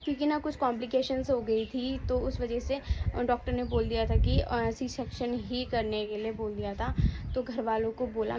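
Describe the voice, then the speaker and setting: A woman's voice: fairly high pitch, very noisy. A young woman vlogging and tearfully telling her own story, often repeating herself. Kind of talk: emotional personal vlog.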